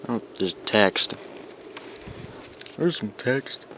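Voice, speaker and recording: In a dimly lit room, a record collector shows off his albums in a casual, unscripted show-and-tell, rambling and musing to himself as he handles them. His voice is on the low side, animated yet very slow, and the lo-fi recording sounds dull with clear background noise.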